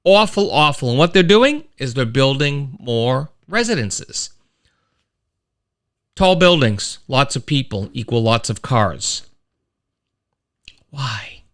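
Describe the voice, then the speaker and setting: A man's voice: mid-range voice, slow pace, long pauses. A middle-aged man, hosting a casual live-stream monologue, rambling with restarts. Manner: animated storyteller, rambling with restarts and sound effects. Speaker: host of a weekly live-stream show.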